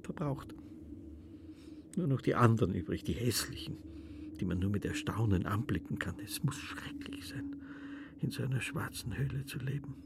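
A vain, mournful dead shopkeeper with a lilt. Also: male voice, on the low side, animated, moderate pace, gravelly, long pauses, noisy background. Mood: haunted. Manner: brooding, drifts into hushed whispers. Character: dead older male shop owner, vain and mournful. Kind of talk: literary radio drama monologue.

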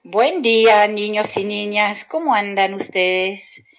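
A woman with a French accent talking gently and playfully to children on a community radio show, offering French lessons. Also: medium pitch, slow. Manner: gentle, playful, addresses listeners directly. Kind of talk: friendly radio talk to children. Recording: dull lo-fi radio audio.

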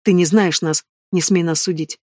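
A man's voice: a little high, fairly even intonation, normal speed, a little mellow, dry recording, clean studio sound, lightly acted. A man voicing a frightened but defiant young woman in an audiobook, shaken and snapping back. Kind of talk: audiobook reading.

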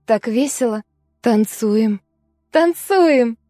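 A shaken young student girl relives a terrifying night, voiced by a woman reading the story. Her voice is fairly high, fragile and breathless, caught close and dry. Faint music plays behind. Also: moderate pace, warm tone, no room sound, natural voice. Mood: dreamy recollection. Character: frightened young female student recalling a trauma.

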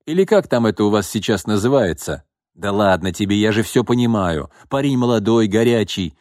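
A man's voice: lowish voice, expressive, brisk, darkish tone, no echo, studio quality, natural voice. Male reader as a scheming domineering old father. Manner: blunt, mocking, cunning. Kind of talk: audiobook reading.

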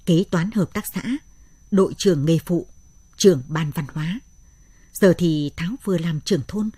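Low, husky woman reading a story. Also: no echo. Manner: measured, steady storytelling. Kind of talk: scripted narration of a late-night radio story.

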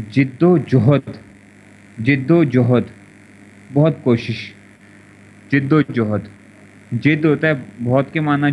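Man, Pakistani Urdu accent, grammar teacher, online lecture, repetitive drilling, dull lo-fi voice chat, faint hiss. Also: medium pitch. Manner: repetitive, drilling word pronunciations and conjugations. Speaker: teacher of Arabic morphology. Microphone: internet voice chat room.

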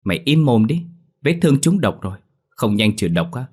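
A man's voice: low-pitched, a little fast. A man voicing a stern young male exorcist who talks in a brusque, commanding way, in a spoken ghost story.

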